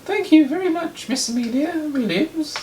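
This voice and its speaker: A prim lady judge presides in a high, strained falsetto, as a man puts her on. The sound is roomy, with a soft rumble behind. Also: expressive, moderate pace. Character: prim female courtroom judge.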